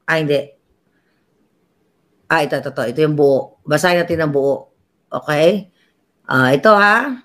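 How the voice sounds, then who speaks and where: A woman's voice: deep voice, fairly bright tone. A woman doing casual political commentary, mocking and scornful as she reads out comments and quotes.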